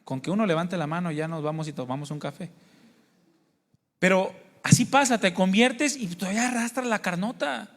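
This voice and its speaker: A man's voice: sits high, normal speed, fairly bright tone. Male preacher, earnest sermon, questions the congregation, long hall reverb. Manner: earnest, addresses listeners as brothers and sisters; tells personal testimony, asks the congregation questions. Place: church hall.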